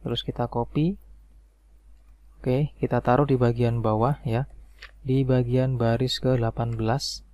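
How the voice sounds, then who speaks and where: A man calmly walking through a spreadsheet tutorial step by step, with frequent "nah" and "oke" fillers. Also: medium pitch, a little slow, long pauses, dry recording. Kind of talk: screen-recorded software tutorial.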